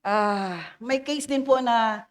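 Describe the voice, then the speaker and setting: A woman's voice: fairly high pitch, slow. A middle-aged woman pastor with a Filipino accent, preaching a Sunday sermon in a playful, teasing way and often quizzing her congregation. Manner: mixes English phrases into Filipino preaching, asks the congregation questions; playful teasing, laughs between points.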